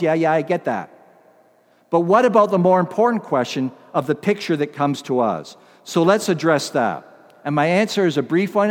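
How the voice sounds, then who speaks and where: A man preaching an expository sermon to his congregation, earnest, repeating key phrases and posing rhetorical questions. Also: fairly high pitch. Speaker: pastor. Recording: long reverb of a large hall.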